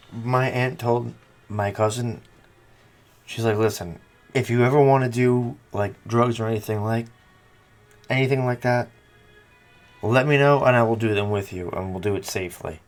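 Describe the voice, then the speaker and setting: A man's voice: mid-range voice, measured pace, pauses often, faint music behind. A man hosting a podcast in casual chat, teasing and swearing a lot. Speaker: podcast host.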